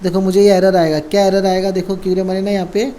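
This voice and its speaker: A man's voice: high-pitched, little pitch movement, fast, dark tone, a little hiss or hum. A man teaching a casual coding lesson, who keeps asking and answering his own questions and repeats the key words. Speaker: programming tutor.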